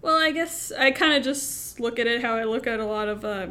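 Young LA woman reading her own story, wry and expressive, kinda high pitched. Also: a little fast. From Los Angeles, USA. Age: young adult. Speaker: student author.

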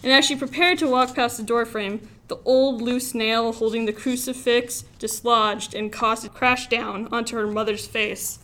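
A young woman from Los Angeles, a student author, reading her own story aloud in a wry, expressive way. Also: fairly high pitch, normal speed, few pauses. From Los Angeles, USA. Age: young adult.

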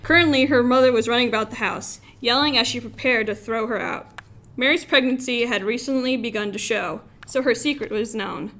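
A young woman from Los Angeles, a student author, reading her own story aloud in a wry, expressive way. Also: fairly high pitch, fairly quick. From Los Angeles, USA. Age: young adult.

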